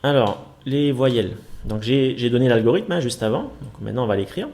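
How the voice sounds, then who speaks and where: A man's voice: mid-range voice, expressive, fairly quick, darkish tone. Male teacher explaining code exercises, thinks aloud with fillers and restarts.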